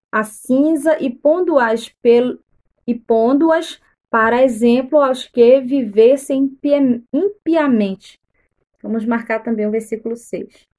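A woman reads scripture aloud at a very unhurried pace, pausing often between phrases. Her voice sits a little high for a woman yet sounds mellow and warm. She guides listeners through the verses like a missionary leading a live reading. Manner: slow deliberate reading with pauses, asks listeners to mark verses. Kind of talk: slow live Bible reading.

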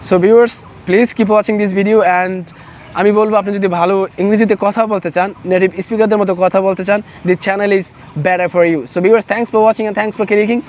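High-voiced Bangladeshi man teaching English. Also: steady tone, a little mellow. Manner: repeats example phrases slowly, drilling learners. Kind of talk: casual spoken English lesson.

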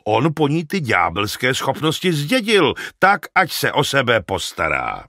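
A man's voice: medium pitch, wildly swooping pitch, sharp tone, no echo, clean studio sound, pitched above the performer's own voice, heavily acted. A man playing a stern, domineering village chieftain who speaks with commanding scorn. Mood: contemptuous.

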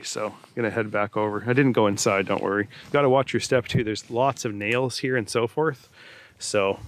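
Outdoors among ruins, a travel vlogger gives casual walking commentary in a medium-pitched, slightly bright voice, with a little hiss or hum. He's chatty, dropping fillers like "you know" and "like".

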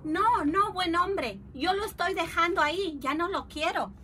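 A woman's voice: very high-pitched, measured pace, pitched above the performer's own voice, heavily acted. Woman reading a fussy worried uncle guy, sighs a lot, voice all over the place. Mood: kind. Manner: fretting, sighing exclamations. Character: fretful middle-aged man, fond of his hat. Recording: steady background noise.

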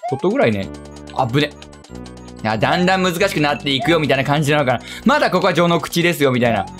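A young man from Kyushu commentating a video game he is playing, talking to himself, muttering, and yelping in excitement. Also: fairly high pitch, racing, faint music behind. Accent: Kyushu Japanese. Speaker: game streamer. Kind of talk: let's play commentary.

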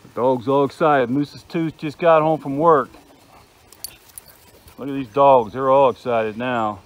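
A man in his fifties, acting as a vlogger, gives an enthusiastic, chatty video tour outdoors by a river, talking into a handheld phone camera and pointing things out. His voice is medium-pitched with fairly even intonation and a measured pace, and the high frequencies are cut off.

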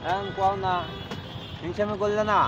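A man's voice: high voice, level tone, normal speed, lo-fi sound. A man with a Bangladeshi accent hosting a casual street vlog, talking in an informal, repetitive, coaxing way. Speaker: video host. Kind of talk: casual street vlog talk, addressing viewers and a young boy. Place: outdoors on a busy city roadside. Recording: noisy outdoor street with traffic. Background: traffic, vehicles, city ambience.

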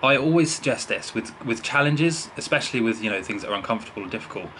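A man's voice: mid-range voice, expressive, fast talker, sharp tone, a little hiss or hum, poor audio. A man in his twenties giving casual, explanatory health advice straight to camera in a bedroom, informally checking in with the listener as he goes. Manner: informal, explanatory, frequently checks in with "right?" and "okay?". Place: small bedroom, indoors. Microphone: camera at arm's length on a desk.

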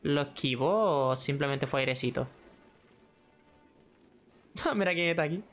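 A man giving casual reaction commentary, excitable and teasing the characters on screen. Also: a little high, unhurried, faint music behind. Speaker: anime reaction channel host.

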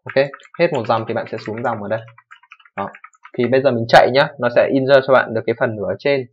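Through a dull, lo-fi microphone, a young man with a slightly rough, mid-range voice teaches coding in a screen-recorded tutorial. He explains fast and casually, correcting himself along the way and checking in often with "đúng không."

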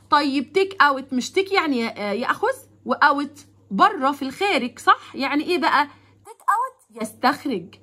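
Teaching vocabulary to kids, this Egyptian Arabic-accented woman stretches each English word slowly and repeats it so the pupils can follow. She then explains in quick, chatty bursts, her voice high, bright, and forceful.

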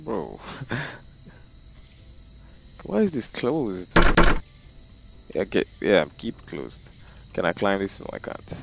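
A young gamer offers slangy, reactive live commentary while playing a horror game, calling everyone "bro." His low, creaky voice swoops wildly in pitch and moves extremely slowly with long pauses, over background noise.

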